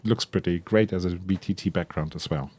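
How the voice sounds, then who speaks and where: Low-voiced man chatting through an unboxing. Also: brisk, background noise. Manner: chatty, thinks aloud with frequent ums and self-corrections; enthusiastic about the product. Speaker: tabletop RPG content creator. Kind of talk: casual unboxing commentary.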